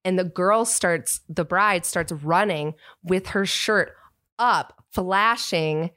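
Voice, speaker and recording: A woman's voice: fairly low pitch, slow, bright, forceful tone, no room sound, studio quality. A young woman co-hosting a podcast, telling stories in a casual, chatty way with lots of fillers. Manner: chatty storyteller, trails off with fillers. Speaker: podcast co-host. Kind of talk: casual chat.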